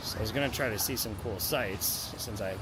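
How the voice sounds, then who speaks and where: A man's voice: fairly low pitch, a little fast, background noise. A man narrating his travel vlog in a casual, joking, self-deprecating way. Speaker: vlogger recapping a fundraising tour. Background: background music.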